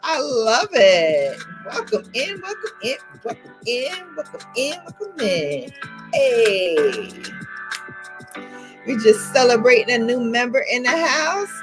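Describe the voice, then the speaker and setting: A woman from Brooklyn, New York, with a Brooklyn accent hosts a casual livestream, her fairly high voice moving slowly through big pitch swings. She's chatty, laughs a lot, and greets her viewers by name, with faint music playing behind her.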